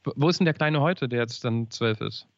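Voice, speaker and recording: A man hosting a podcast, asking gentle, probing questions, often restarting his sentences. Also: medium pitch, brisk, dull audio. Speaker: podcast host. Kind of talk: interview questioning.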